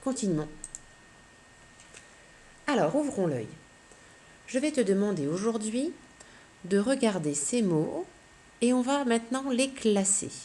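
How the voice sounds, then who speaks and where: A woman teacher giving a slow, clear phonics lesson to young children, patiently spelling out letters one by one. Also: a little high, big pitch swings, dark tone.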